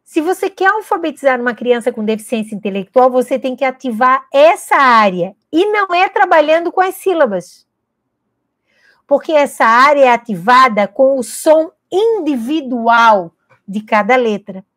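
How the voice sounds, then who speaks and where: A Brazilian woman educator speaking with a Brazilian Portuguese accent gives an emphatic teaching talk in a slightly high, a bit bright, very animated voice at normal speed. She poses rhetorical questions to parents and teachers and answers them right away, in a dry, close recording with no room sound.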